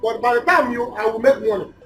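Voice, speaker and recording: A man's voice: very high-pitched, fast talker, a bit bright, soft background music. A Nigerian man acting a defiant, hot-headed village brother in a film drama, belligerent and repeating his threats. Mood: bitter.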